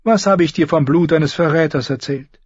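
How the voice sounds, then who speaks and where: A man's voice: a little high, moderate pace, breathy edge, no room sound, pitched above the performer's own voice. A man voicing a cold, disappointed queen with a reproachful manner, in a slightly muffled audiobook recording.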